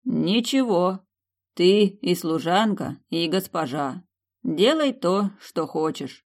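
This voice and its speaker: An old female fox shaman from a storybook speaks in a slow, matter-of-fact way, put on by a woman narrator. Her low, mellow voice stays calm and unhurried.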